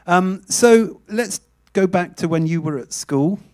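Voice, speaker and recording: An event host interviewing an author in front of an audience, asking steady, plain questions that open with "um". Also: medium pitch, measured pace. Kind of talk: hosting a question session.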